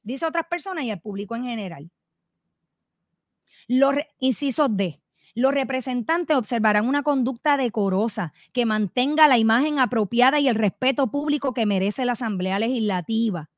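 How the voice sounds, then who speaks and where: A middle-aged woman with a Puerto Rican accent, a political commentator and elected delegate, delivers a fiery opinion monologue, speaking emphatically and combatively straight to her listeners. Her fairly high voice comes across close and dry at a normal speed, in a dry recording.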